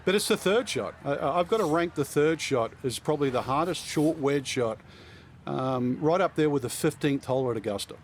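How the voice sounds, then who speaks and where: A man's voice: fairly high pitch, expressive, moderate pace. A man playing a golf commentator in a video game, giving conversational, explanatory analysis. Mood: analytical. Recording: outdoor course ambience and crowd noise. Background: outdoor crowd ambience.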